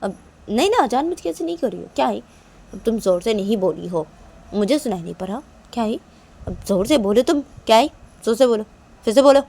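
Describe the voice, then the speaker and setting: A woman's voice: on the high side, animated, brisk, gravelly, mellow. Brief: a woman playing a bossy young girlfriend, emphatic, demanding.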